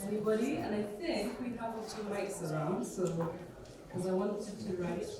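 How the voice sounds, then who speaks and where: A woman's voice: medium pitch, moderate pace. A woman facilitating a conference workshop, chatty and informal as she coaxes people to share. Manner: informal, chatty, coaxing the room. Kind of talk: facilitating a group session. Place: conference hall. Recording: echoey hall, far from mic, crowd behind.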